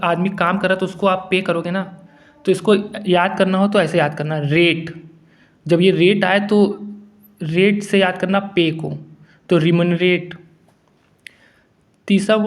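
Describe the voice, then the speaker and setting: A man teaching English vocabulary in a relaxed, conversational way, mixing English words into his Hindi. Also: high voice. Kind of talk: casual explanatory lesson.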